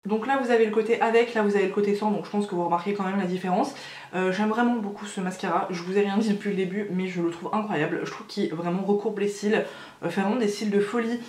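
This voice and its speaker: A woman's voice: mid-range voice, fast, roomy sound, over music. A woman chatting casually through a makeup tutorial, gushing over each product with lots of hesitations. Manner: chatty and gushing, many fillers. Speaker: beauty vlogger.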